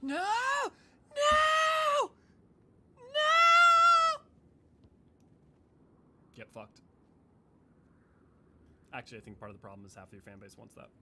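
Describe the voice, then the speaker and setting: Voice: deep voice, level tone, fast, pauses often, background noise. A streamer who does character voices, chatting casually while playing a game. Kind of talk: casual game livestream chat.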